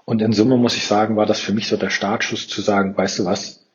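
A man with a fairly low voice talks to his listener like a coach, in a personal, reflective way, and often restarts his sentences. The recording is dull and muffled. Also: flat delivery, fast, a little hiss or hum. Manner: personal, addresses the listener directly, restarts and repeats words. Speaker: purpose coach and podcast host. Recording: dull lo-fi sound.

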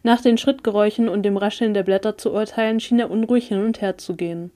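A woman narrating a first-person story in an even, calm reading voice. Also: medium pitch, fast. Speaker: audiobook reader.

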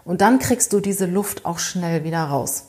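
A middle-aged woman coaches the listener on first impressions in a fairly low voice. She talks directly and informally, giving instructions step by step with the odd filler. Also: unhurried, a little mellow. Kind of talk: advice talk addressed to viewer.

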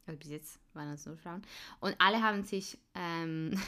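Bright, smooth and forceful, the Swiss podcast host's fairly low voice moves at a moderate pace. This young woman, raised on Swiss German, chats casually, laughing often and filling gaps with fillers.

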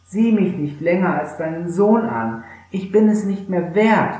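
A man's voice: sits high, unhurried, a little mellow, pitched above the performer's own voice. A man reading aloud who voices a desperate, remorseful young son, recorded in a very echoey room.

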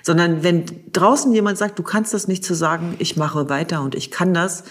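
Husky, impassioned speaker in a discussion. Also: mid-range voice, normal speed. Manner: emphatic, urgent, repeats phrases for stress. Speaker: discussion partner. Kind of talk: impassioned conversation.

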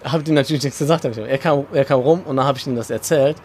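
A man's voice: medium pitch, fast talker, darkish tone, a little hiss or hum. A young man co-hosting a podcast, telling a long story in casual chat, rambling with many fillers and acting out quoted dialogue. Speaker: podcast co-host.

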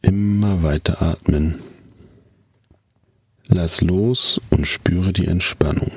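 A man narrating a scripted guided relaxation exercise in a soft, calm, soothing voice with measured, drawn-out instructions. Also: low voice, slightly rough, dry recording.

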